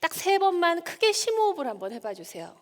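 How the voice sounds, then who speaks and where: A woman's voice: very high-pitched, very animated, a little fast. A woman in her forties giving a public talk to a live audience, engaging them with questions. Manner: warm, engaging, asks the audience questions and acts out scolding lines. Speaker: speaker giving a stage talk. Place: lecture hall stage. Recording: long reverb of a hall.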